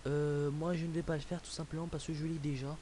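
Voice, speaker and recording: This young French tutorial maker has a slightly high voice and talks fast with a flat delivery. His screen-recorded computer walkthrough is casual and rambling, full of fillers and restarts, captured on a hissy home setup.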